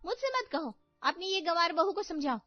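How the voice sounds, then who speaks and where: A woman's voice: very high-pitched, very animated, normal speed, no echo. A woman playing a sarcastic young unmarried sister-in-law who mocks her brother's wife. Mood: taunting. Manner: sarcastic, mocking. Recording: dry, muffled, faint background music.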